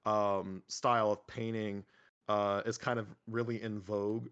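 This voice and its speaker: A young man chatting casually as a podcast guest, animated and rambling, full of fillers and restarts. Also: on the low side, a little slow, clear, resonant tone, muffled recording. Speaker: podcast guest, miniature painter. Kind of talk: casual conversational interview.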